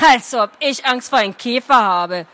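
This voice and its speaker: A woman's voice: a little high, normal speed, pushed and bright, no room sound. A woman reading a storybook aloud, voicing a bragging young man who scares easily. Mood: cocky. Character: boastful but easily scared young male helper.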